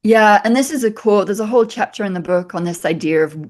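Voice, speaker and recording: A woman author as an interview guest, giving measured, reflective answers that build points in lists. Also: mid-range voice, lively intonation.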